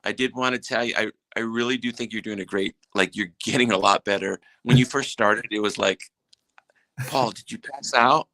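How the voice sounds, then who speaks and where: A man's voice: lowish voice, fairly even intonation, a little fast, hardly any pauses, a bit bright, no echo, low-quality recording. A man chatting as a guest on a live stream, telling jokes and rambling stories that keep interrupting themselves. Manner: rambling, self-interrupting storyteller. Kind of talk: casual joking chat.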